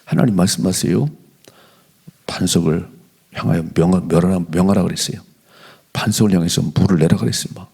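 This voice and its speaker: A middle-aged male pastor giving an animated dawn prayer sermon in a church, slowing down whenever he reads scripture aloud. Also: low-pitched, creaky, breathy edge. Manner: animated preaching, slows to read scripture aloud. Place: church sanctuary.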